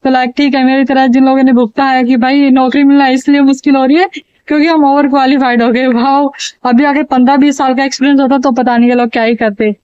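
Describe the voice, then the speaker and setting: A woman's voice: sits high, level tone, fast talker, darkish tone, clean tone, no room sound, lo-fi sound. A woman from India, ranting casually to camera in a vlog, chatty and exasperated, repeating phrases for emphasis. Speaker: vlogger.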